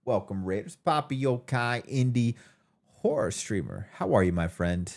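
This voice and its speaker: A man's voice: mid-range voice, very animated, normal speed, creaky, a little mellow. A man hosting his live stream in a casual chatty way, greeting viewers by name in an upbeat tone. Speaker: streamer host.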